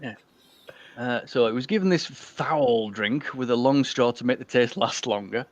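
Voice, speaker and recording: A man's voice: mid-range voice, normal speed, a little hiss or hum. A man co-hosting a casual podcast, reading a story aloud with wry asides, giggling and stumbling over words. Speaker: podcast co-host. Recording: dull, dry lo-fi call audio.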